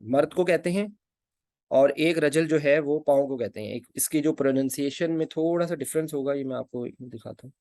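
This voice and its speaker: Man teaching with a gravelly voice. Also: fairly high pitch, moderate pace, a little mellow, dry recording, studio quality. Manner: hesitant, many fillers, repeats key words. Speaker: anesthesia teacher. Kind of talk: informal spoken lesson.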